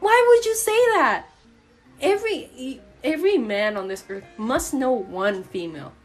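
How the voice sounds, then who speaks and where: A woman's voice: a little high, lively intonation, unhurried, faint music behind. A young woman from Indonesia co-hosting a podcast, chatting casually and laughing often, slipping in Indonesian words. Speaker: podcast co-host. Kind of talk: casual chat.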